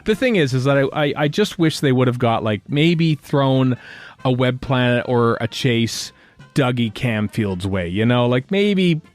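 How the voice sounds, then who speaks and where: A man with a medium-pitched voice and no echo chats casually as a fan podcast host. He jokes and rambles, often interrupting himself.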